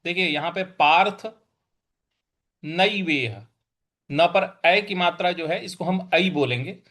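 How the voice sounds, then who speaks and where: A man with a high, fairly bright voice teaches how to pronounce scripture at a normal pace. He splits the words into syllables and chants the verse as a recitation lesson.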